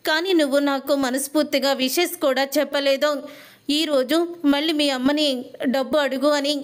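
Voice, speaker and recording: A scheming young wife pleads and complains in a plaintive voice, as a woman narrator reads her part. The tone sits high and bright. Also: steady tone, normal speed, close to an everyday voice. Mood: pleading.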